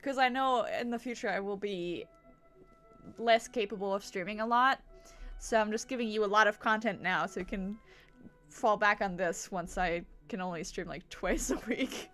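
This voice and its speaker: A woman's voice: medium pitch, moderate pace, a bit bright, soft background music. A woman streaming games, chatting casually in a rambling, giggly way that circles back on itself. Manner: rambling, giggly, repeats herself. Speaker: video game streamer. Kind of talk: casual livestream chat.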